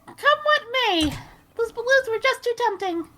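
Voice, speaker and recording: A voice actor playing an excitable male detective with a high, squeaky helium voice in a live fan dub. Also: normal speed, exaggerated voice. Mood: hearty. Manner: hearty, calls people pal. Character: excitable adult male detective, friendly and loud. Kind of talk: live fan voice acting of a game.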